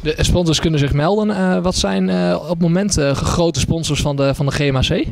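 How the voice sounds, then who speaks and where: A man's voice: a little high, fairly quick, gravelly, darkish tone, no echo. A young man in his twenties, a hockey trainer, talking hesitantly with many fillers in a casual promo interview. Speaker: hockey trainer and event organizer. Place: small indoor café. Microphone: handheld microphone.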